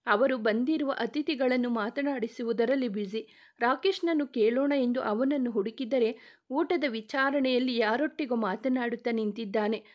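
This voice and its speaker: Woman storyteller, romance serial read-aloud, steady, fairly high voice. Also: moderate pace. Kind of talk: scripted story narration.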